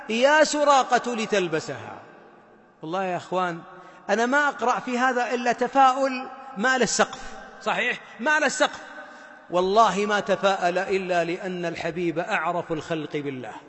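A male preacher with a Gulf Arabic accent delivers an impassioned sermon in a strikingly high voice. He pulls the listeners in with rhetorical questions. His voice carries a long, echoing reverb from a large hall. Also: a bit bright.

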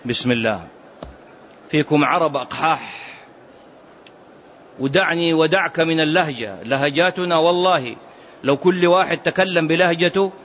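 A man teaching a religious class, quizzing his students with animated, mocking asides. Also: a little high, normal speed, long pauses, highs cut off, slight background noise. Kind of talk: classroom lesson.

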